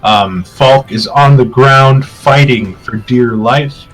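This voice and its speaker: A man narrating a tabletop game as game master, describing scenes in a relaxed way with filler ums. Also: medium pitch, slow, soft background music, poor audio.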